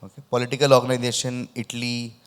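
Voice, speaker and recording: A man's voice: medium pitch, flat delivery, quick pace, clear, resonant tone. A man with a lisp and whistling s, hosting a live quiz, reading questions and chatting with contestants. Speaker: quiz host. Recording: echoey, long room reverb.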